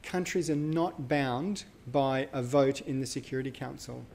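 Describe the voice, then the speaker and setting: A man's voice: medium pitch, moderate pace, vocal fry, darkish tone, a little hiss or hum. A man giving a live university lecture, talking casually with fillers and self-corrections. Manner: conversational, thinks aloud with fillers and self-corrections.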